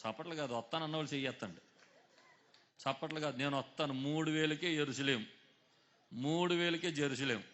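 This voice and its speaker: A man preaching a sermon, calling on his congregation to answer aloud, dropping low and then rising to loud exhortation. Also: fairly quick, long pauses. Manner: calls on the congregation to answer loudly, swings between hushed and shouted. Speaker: pastor.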